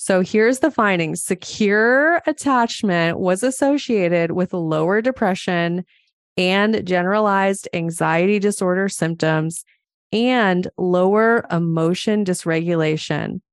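A woman's voice: fairly low pitch, slow, no room sound, clean studio sound. A woman from Montana hosting a solo podcast as a psychologist, chatty and explanatory. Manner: chatty, explanatory, laughs now and then.

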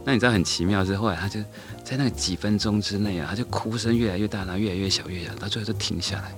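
A man's voice: lowish voice, very fast, music in the background. A middle-aged man, a teacher guest on a podcast, tells a story unhurriedly, with many hesitant fillers and restarts. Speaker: guest, elementary school teacher.

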